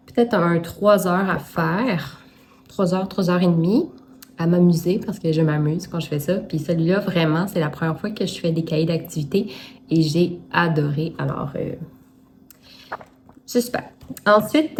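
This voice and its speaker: Quebec French woman, lowish voice, chatty vlogger showing her books to camera, faint background hum. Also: a little mellow. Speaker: self-published children's book creator. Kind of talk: casual vlog talk to camera.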